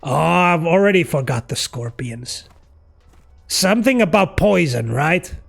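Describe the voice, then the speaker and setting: A man who streams games and keeps up a teasing, joking chatter. His voice has a gravelly rasp and moves lively up and down. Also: on the high side, unhurried. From Finland. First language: Finnish. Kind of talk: casual live game chat.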